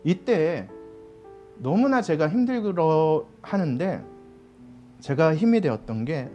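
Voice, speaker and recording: Male pastor, middle-aged, sermon storytelling, slightly high voice, soft guitar underneath. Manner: storytelling, acting out quoted voices. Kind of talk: sermon with personal testimony. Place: church.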